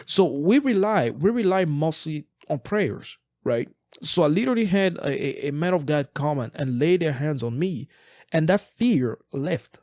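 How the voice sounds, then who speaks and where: In a reflective, casual podcast conversation, this Eastern Congolese co-host in his forties speaks earnestly, frequently restarting sentences and repeating words. His fairly high, slightly mellow voice has lively intonation and a somewhat slow pace. The studio recording is clean, with no echo.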